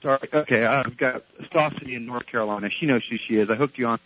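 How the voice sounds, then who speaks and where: Male caller, hesitant and halting, on a crackly phone line that keeps fading, heavy static, muffled. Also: mid-range voice. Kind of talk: casual call-in chat. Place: calling in by phone.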